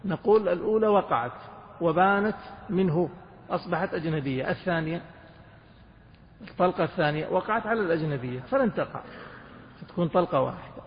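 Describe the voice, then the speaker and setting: A man's voice: sits high, expressive, quick pace, long pauses, a little hiss or hum. A man teaching Islamic jurisprudence in a classroom lecture, dictating notes to his students and quizzing them with questions. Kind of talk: classroom lecture on a fiqh text. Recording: muffled lecture recording with hall reverb.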